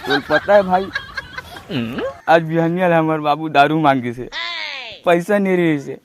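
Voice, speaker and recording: A man's voice: fairly high pitch, a little slow, noisy background, lightly acted. A man with a Chhattisgarhi accent playing a penniless, scrounging friend who tells a melodramatic sob story in a comedy skit. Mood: pleading.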